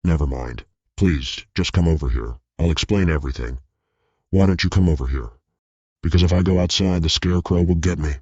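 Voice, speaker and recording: A man's voice: low-pitched, brisk, a little mellow, breathy edge, no echo. A man voicing a frightened young woman who pleads urgently in a spoken horror story. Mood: pleading. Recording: dull lo-fi recording.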